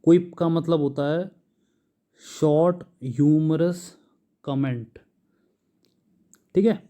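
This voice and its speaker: A man with an Indian English accent teaching English vocabulary, slowly listing synonyms and explaining them in Hindi. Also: fairly high pitch, steady tone, dark tone. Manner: slow, patient, drawn-out word lists.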